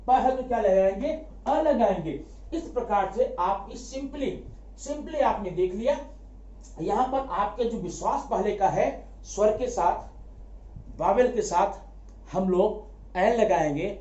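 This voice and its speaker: A man teaching a grammar lesson, asking quick rhetorical questions, answering them himself and repeating key words for emphasis. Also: high-pitched, warm tone. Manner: addresses students familiarly as brother. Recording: echoey room, dull lo-fi sound.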